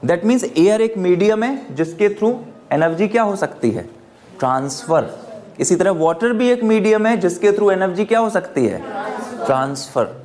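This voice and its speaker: A man teaches a classroom lesson in a fairly high voice. He keeps putting questions to his students and then answers them himself. He often slips English phrases into his explanations. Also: expressive, a little slow, a little mellow. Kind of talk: classroom lecture.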